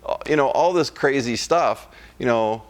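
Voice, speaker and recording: A man's voice: medium pitch, moderate pace. A man who photographs physique athletes, talking casually and candidly in an interview with a joking edge.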